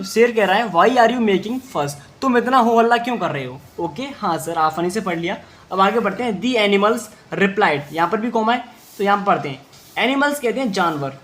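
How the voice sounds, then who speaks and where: A man teaching an English story in Hindi, reading the English slowly word by word and then explaining each word's meaning, answering his own questions as if he were a student. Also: high voice, fairly bright tone.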